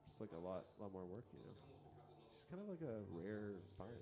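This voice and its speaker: A man in his thirties hosting a casual movie watch-along podcast, rambling and joking, quick to laugh. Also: lowish voice, sing-song. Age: 30s. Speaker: podcast host. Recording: music playing under the talk.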